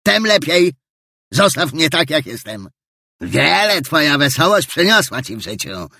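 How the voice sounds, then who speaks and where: A man's voice: on the high side, big pitch swings, unhurried, sharp tone, no room sound, pitched above the performer's own voice, full character voice. A man reading aloud and voicing a sour, scornful old miser who answers curtly and with indignation. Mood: scornful grumbling.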